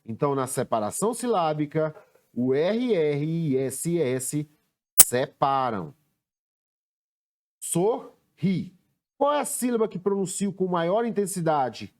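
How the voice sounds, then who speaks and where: A male teacher with a Brazilian Portuguese accent giving a recorded lesson, slowly sounding out words and stressing syllables. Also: on the high side, sing-song, darkish tone.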